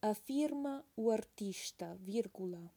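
Woman teacher, dictation pace, each phrase said twice with punctuation spoken; unhurried, warm tone. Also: medium pitch, lively intonation. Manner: repeats each phrase slowly, calling out punctuation. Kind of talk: slow dictation with punctuation read aloud.

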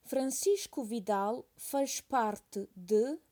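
Woman teacher, dictation pace, each phrase said twice with punctuation spoken; unhurried, warm tone. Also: on the high side. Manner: repeats each phrase slowly, calling out punctuation. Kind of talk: slow dictation with punctuation read aloud.

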